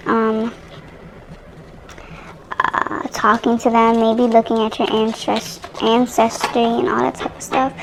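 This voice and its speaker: Recorded on a phone microphone with poor audio and slight background noise, a young tarot reader addresses her viewers directly. She rambles loosely and chattily, her somewhat high voice carrying a gravelly fry.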